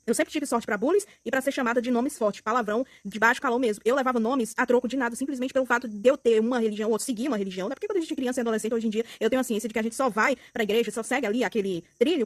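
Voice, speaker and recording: A young woman with a Brazilian Portuguese accent, venting outspokenly in a casual vlog, swinging between soft and loud. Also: on the high side, no echo, clean studio sound. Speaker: vlogger.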